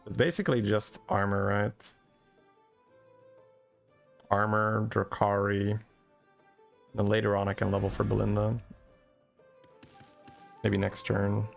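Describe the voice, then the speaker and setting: Voicing his plans as he plays, this Dutch-speaking Belgian streamer with a Flemish accent keeps ending thoughts with "right?". He speaks on the low side with vocal fry, and faint game music plays underneath.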